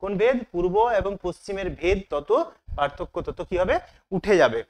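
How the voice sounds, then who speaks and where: A male teacher with a fairly high voice works through an exam paper, question by question. He asks the class each question and answers it himself a moment later. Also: animated, fairly quick, a little mellow. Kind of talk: online exam-prep lesson.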